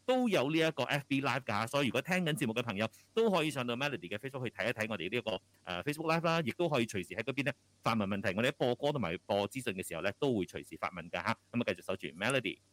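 A man's voice: mid-range voice, expressive, racing, hardly any pauses, a bit bright. A man with a Malaysian Chinese accent hosting a live radio chat, casual and a bit hesitant in his phrasing as he switches between languages. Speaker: radio host.

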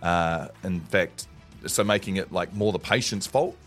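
A man's voice: sits low, measured pace, a bit bright, soft background music. A man with a New Zealand accent presenting conversational news chat as a morning radio co-host.

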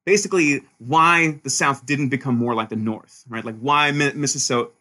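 A man from Sweden, a historian being interviewed about his book, talking in an animated way with frequent restarts and "right?" tags. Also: mid-range voice, moderate pace. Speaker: historian, author guest. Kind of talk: conversational interview answers.

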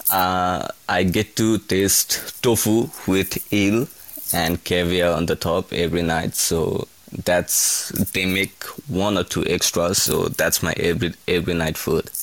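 Slow, deep-voiced young man. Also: flat delivery. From Nepal. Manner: halting, repeats and restarts words. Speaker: kitchen hand, interviewee. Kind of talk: casual interview.

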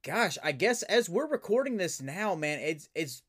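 Guy with a higher-pitched voice rambling through an old wrestling story in a casual chat, lots of ums and restarts. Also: moderate pace. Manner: animated storyteller, many fillers and restarts. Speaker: podcast guest, professional wrestler.

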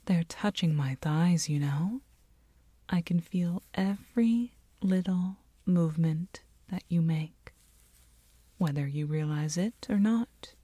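A woman playing a doting, teasing girlfriend in an ASMR role-play, speaking slowly and tenderly, right in the listener's ear. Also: on the low side, husky, dry recording. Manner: close-up soft-spoken right in the listener's ear; slow, tender, coaxing. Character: doting, teasing, nurturing girlfriend soothing her partner. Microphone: very close binaural microphone.

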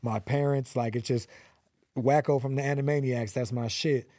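Brief: mid-twenties male rapper from LA, warm mellow tone, dry close mic, slangy and earnest. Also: medium pitch, fairly even intonation, normal speed, no room sound. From Los Angeles. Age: 20s. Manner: slangy, repeats fillers, earnest. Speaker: rapper guest. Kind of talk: casual interview.

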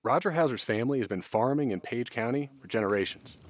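A man's voice: mid-range voice, animated, fast, no echo. An American man reading scripted news narration as a radio reporter.

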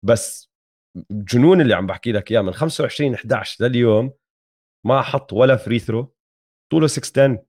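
A man's voice: mid-range voice, fast, long pauses, darkish tone. A man with a Levantine Arabic accent chatting casually about sports as a podcast co-host, with English terms mixed in.

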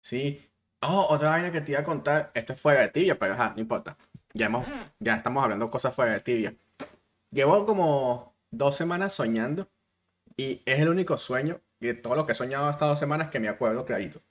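Relaxed Venezuelan man, casual podcast chat. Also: brisk. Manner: relaxed, slangy, drops to low voice in anecdotes. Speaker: podcast co-host.

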